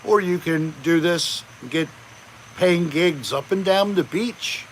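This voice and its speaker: A man hosts a laid-back live chat, calling out viewers by name. His voice sits a little high and he takes his time with every phrase. A faint outdoor hiss stays in the background. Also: slow, poor audio. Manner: relaxed, chatty, greets viewers by name. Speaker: livestream host.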